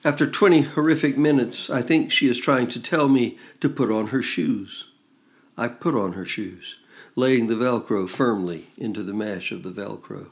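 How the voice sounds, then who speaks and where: A man reading literary first-person prose, measured and intense, often dropping to a hush. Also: mid-range voice. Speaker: reader.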